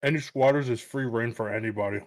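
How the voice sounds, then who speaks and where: A man with a middle-pitched, everyday voice. He talks loosely with friends during an online tabletop game, with rambling explanations, hesitant pauses and the odd curse. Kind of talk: casual chat during an online game session.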